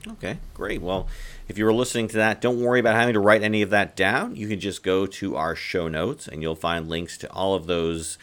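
A man's voice: low voice, steady tone, brisk, a bit bright. A man hosting a podcast, upbeat as he puts questions to guests and wraps up the show. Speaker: podcast host.

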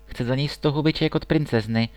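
A man's voice: mid-range voice, dry recording, natural voice. Man putting on a flustered prim court lady. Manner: shocked, exclaiming.

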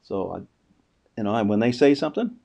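Gravelly guy talking money stuff, swoops all over pitch-wise, keeps restarting sentences. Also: lively intonation, fairly quick, mellow. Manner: conversational, rhetorical questions, frequent restarts. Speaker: finance commentator. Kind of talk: casual economic commentary monologue.

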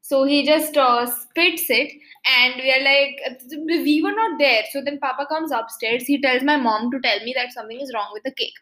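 A woman, chatting on a home podcast with a bright, forceful voice that sits a little high. She rambles through stories and giggles often. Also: moderate pace, few pauses. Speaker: podcast co-host. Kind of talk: casual chat.

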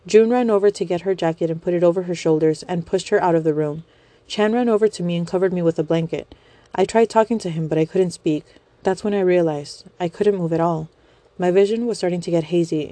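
A woman reading a first-person dramatic story in a measured, earnest way. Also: lowish voice, mellow, no echo.

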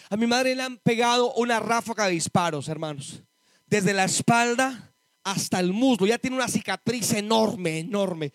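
A man giving an impassioned testimony sermon to a church congregation, addressing them as brothers and rising to shouted exhortation. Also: sits high, dry recording, clean studio sound. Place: church service before a congregation.

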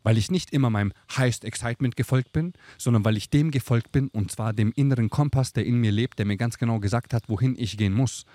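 A man's voice: medium pitch, fast talker, few pauses, warm tone, dry recording. A young man talking as a podcast guest in a casual, emphatic chat full of street slang, recorded outdoors at dusk. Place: outdoors on a tropical island at dusk.

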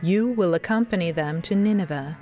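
A woman's voice: fairly low pitch, a little fast, a little mellow, natural voice. Woman doing bossy voice of god narrator for an audio drama, disembodied, coaxing, bit of music under it. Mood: commanding, exasperated. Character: disembodied female voice of God, commanding narrator of prophets.

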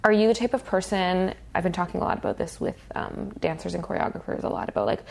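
A woman's voice: on the low side, big pitch swings, fast, creaky. A young woman hosting a casual podcast interview, chatty and full of "like" fillers. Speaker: podcast host.

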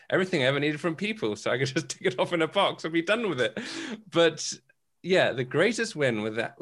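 Casting: man, mid-pitched voice, chatty self-mocking banter, heard over a video call. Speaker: freelancer on a community call. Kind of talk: casual chat. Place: home office.

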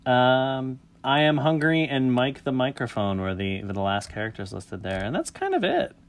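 A man hosting a loose podcast conversation reads down a list one entry at a time. He breaks it up with quick jokes and offhand comments. His voice sits in an ordinary middle pitch. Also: sing-song. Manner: reads entries aloud with quick joking asides. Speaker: podcast host. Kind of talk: casual podcast chat.

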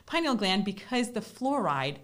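Podcast host, woman, chatty and upbeat, mid pitch, full of fillers and tag questions. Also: big pitch swings, moderate pace. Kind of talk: casual interview chat.

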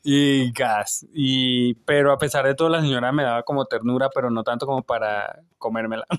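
A man's voice: mid-range voice, animated, moderate pace, smooth, dry recording, clean studio sound. A young man, co-hosting a casual podcast and telling stories with many fillers and restarts. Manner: rambling storyteller with many fillers and restarts, laughs often. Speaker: podcast co-host.

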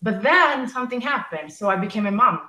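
A speech and language therapist in her thirties, who herself stammers, appears as a guest in a podcast conversation, speaking openly and emotionally and stammering at times. Her voice is a little high and sharp-toned, with lively intonation and a slightly fast pace. The room sounds echoey.

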